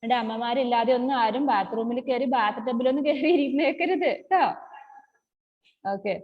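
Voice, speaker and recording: A woman with a high voice leads a class of small children, drawing out each word in a slow, sing-song chant and gently coaxing them to reply. The sound is dull and lo-fi, with a long, hollow reverb trailing behind her. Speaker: kindergarten teacher. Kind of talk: online class teaching.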